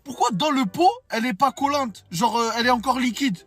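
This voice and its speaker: A man's voice: very high-pitched, fairly quick, a bit bright, faint music behind. A man voicing a dim-witted young man who rambles through silly questions in street slang. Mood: puzzled. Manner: rambling, puzzled street talk.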